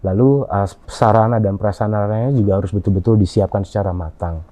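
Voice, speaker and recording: A man answering interview questions in a halting way, with frequent fillers and restarts. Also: lowish voice, fairly even intonation, mellow. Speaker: interview guest. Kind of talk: conversational interview. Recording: dull lo-fi audio.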